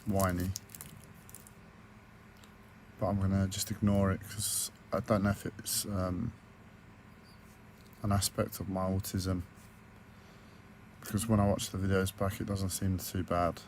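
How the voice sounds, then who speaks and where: Recording a video diary on his tablet, this hoarse-voiced vlogger speaks in a low, flat, croaky tone. He goes a little slowly, stumbling through fillers, restarts and long pauses, with slight background noise underneath.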